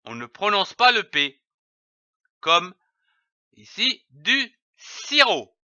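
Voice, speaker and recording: Slow, deliberate male reading teacher. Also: sits high, sing-song, pushed and bright, smooth, no room sound. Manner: deliberate, spells out each syllable letter by letter. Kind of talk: slow instructional reading drill. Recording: dull lo-fi dry recording.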